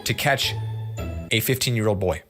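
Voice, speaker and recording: A young man giving casual, excitable, jokey commentary as he reacts to a video. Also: fairly low pitch, normal speed, soft background music.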